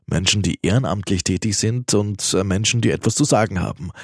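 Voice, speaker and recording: A man's voice: fairly low pitch, fairly quick, a little mellow, breathy edge, dry recording. A man hosting a radio podcast interview in a studio, chatty and teasing. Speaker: podcast host.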